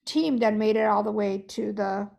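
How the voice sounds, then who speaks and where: A woman's voice: mid-range voice, steady tone, moderate pace, vocal fry, darkish tone. A woman who is losing her voice, guiding an online workshop in a chatty, self-correcting way over a video call. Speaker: workshop facilitator.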